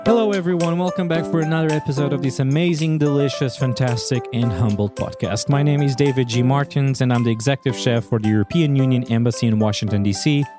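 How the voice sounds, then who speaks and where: A man's voice: mid-range voice, fast, hardly any pauses, music in the background. A middle-aged man from Portugal with a Portuguese accent, hosting a podcast interview in an upbeat, playful way. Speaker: podcast host.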